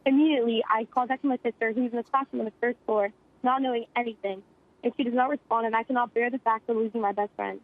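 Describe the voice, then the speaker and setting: A teenage girl speaks fast in a fairly high voice, shaken and still in shock. Her voice comes through a tinny phone line. She recounts what she saw in a rapid, anxious rush. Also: steady tone, dry recording. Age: teens. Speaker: eyewitness student. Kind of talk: phone interview.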